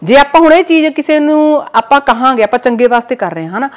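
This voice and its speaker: A woman's voice: high voice, expressive, fast. A middle-aged woman from Punjab in India, a mother speaking in an interview and giving blunt, earnest warnings. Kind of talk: casual interview talk.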